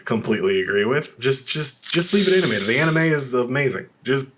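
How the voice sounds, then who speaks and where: A young man co-hosting a laid-back podcast, speaking at a middle pitch. He states his views bluntly and with conviction, peppering them with casual profanity. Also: expressive, fairly quick, noisy background. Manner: opinionated and blunt, with frequent swearing. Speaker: podcast co-host. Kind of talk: casual chat.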